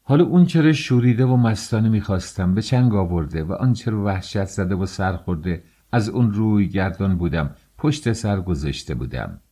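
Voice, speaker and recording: A man narrating a novel as an audiobook in a measured, expressive reading. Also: lowish voice, husky.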